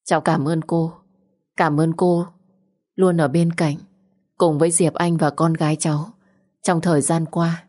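A woman's voice: low-pitched, level tone, unhurried, pauses often, a little mellow. A woman voicing an earnest young husband and father, speaking in a pleading, sincere way. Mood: grateful.

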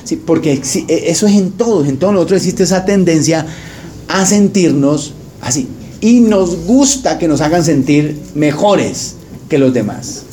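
A man's voice: a little high, lively intonation, normal speed, dark tone, a little hiss or hum. A man preaching a sermon as pastor, speaking straight to his congregation, joking and mimicking people as he talks. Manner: jokey, mimics voices, addresses congregation directly.

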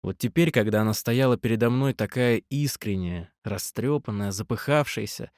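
A man's voice: medium pitch, normal speed, darkish tone, no room sound, clean studio sound. A man narrating a novel in the first person, theatrical and rising to indignant outbursts in his hero's lines. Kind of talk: audiobook narration of a romance novel.

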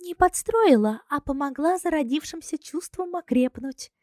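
A woman voicing a sly, self-satisfied young princess in an audiobook, who speaks softly and airily. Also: high voice, normal speed, dry recording, clean studio sound, pitched above the performer's own voice, close to an everyday voice. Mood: smug. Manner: soft, airy, self-satisfied.

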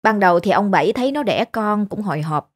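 A woman's voice: medium pitch, brisk. Chatty Southern Vietnamese woman storyteller. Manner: chatty, animated, imitates pig squeals. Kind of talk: casual storytelling narration.

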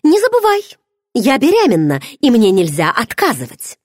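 A woman's voice: on the high side, very animated, a little slow, darkish tone, dry recording, clean studio sound, voice pushed up. A woman voicing a playful, nosy young pregnant friend who teases with pushy questions. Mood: teasing. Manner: teasing, bubbly, pushy questions.

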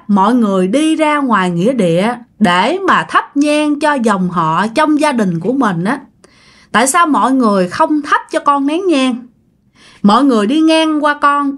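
A woman's voice: on the high side, lively intonation, moderate pace, fairly bright tone. A woman with a Southern Vietnamese accent voicing the grieving spirit of a dead young girl, pleading in tearful reproach. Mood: reproachful grief.

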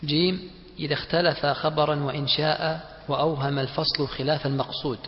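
A man's voice: on the high side, level tone, a little fast. Brief: male student reading numbered points steadily, dull lo-fi sound. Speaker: student reading the text aloud. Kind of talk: reading aloud in class. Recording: muffled recording in echoey hall.

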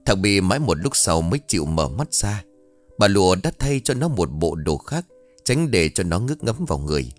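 A man narrating an audio story in an expressive scripted reading. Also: low-pitched, normal speed, soft background music.

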